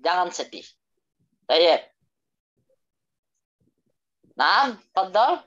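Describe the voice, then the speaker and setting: A male teacher leads an online Arabic class, speaking slowly and deliberately. He drills word forms and echoes each student's answer back with corrections. The video call audio is dull and lo-fi. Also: high-pitched, sing-song, pushed and bright. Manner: mixes Arabic phrases into Indonesian explanations.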